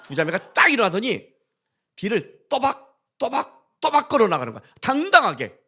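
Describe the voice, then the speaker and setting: A male pastor preaches in a high, lively voice that swoops up and down. He tells stories with blunt, salty humor and mock curses, dropping to quiet asides and then rising into loud bursts. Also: moderate pace, husky. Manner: animated storytelling, swings between quiet asides and loud outbursts. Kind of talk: sermon.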